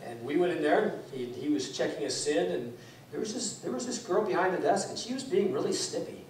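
Raised in Taiwan and in his sixties, a guest pastor tells stories in an informal sermon, gesturing and full of fillers and restarts. His fairly high voice is animated, a bit fast, and darkish, captured by a distant mic in an echoey church sanctuary with slight background noise.

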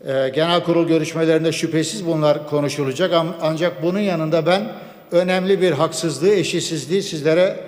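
A man addresses a large chamber from the rostrum microphone, his slightly raised voice carrying a long hall echo. He speaks in a measured, formal way, piling up laws, dates and statistics. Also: fairly high pitch, steady tone, darkish tone. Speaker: member of parliament. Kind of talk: formal parliamentary speech.

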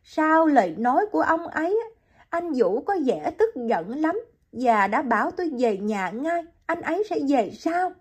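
A woman's voice: sing-song, measured pace. A woman voicing a heartbroken young mother in an audiobook, speaking in a choked, pleading way. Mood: distraught. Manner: choked, pleading and high-pitched.

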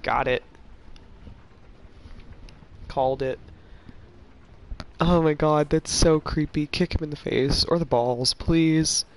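A woman's voice: sits low, steady tone, slow pace, long pauses. A woman commenting casually as she plays a story game, blunt and swearing, cracking jokes. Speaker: streamer playing a game. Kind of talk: casual let's play commentary.

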